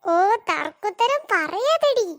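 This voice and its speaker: A woman's voice: extremely high pitch, big pitch swings, slow, fairly bright tone, full character voice. A woman voicing a bossy elder-sister cartoon girl who wails and complains. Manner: wailing, complaining. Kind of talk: cartoon voice acting.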